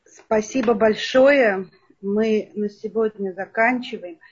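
A woman's voice: medium pitch, slow, husky, highs cut off. A woman moderator reading out questions politely during an online lecture over a video call.

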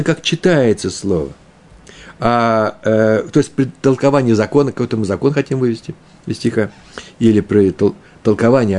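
Man with a lively voice teaching Talmud. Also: mid-range voice. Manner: thinks aloud, often repeats and slows on Hebrew terms. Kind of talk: explaining a text aloud.

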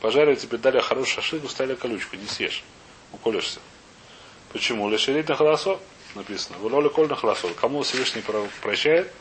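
A man leading an informal religious text class, reading aloud and then explaining, often halting to search for words and asking himself questions. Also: mid-range voice, expressive, fairly bright tone. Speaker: teacher of a Talmud class. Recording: clear background hiss and noise.

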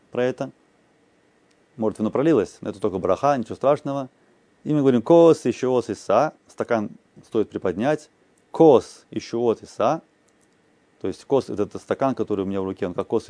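A man with a low, mellow voice teaches a class at an unhurried pace, chanting short phrases and then explaining each one. The recording is dry and close, with no room sound. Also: no room sound. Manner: slow, explanatory, chanting phrases aloud and translating. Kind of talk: explanatory lesson.

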